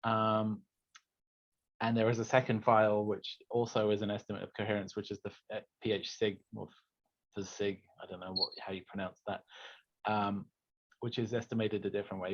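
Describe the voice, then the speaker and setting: A man answers technical questions as an instructor in an online help session. His low voice comes through dry and muffled, like call audio with little room sound. He explains patiently and conversationally. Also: little pitch movement, normal speed, no echo. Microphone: video call.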